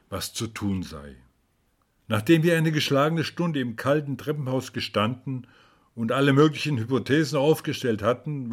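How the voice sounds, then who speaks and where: Dramatic male story narrator. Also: mid-range voice. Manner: dramatic, rising to cries at tense moments.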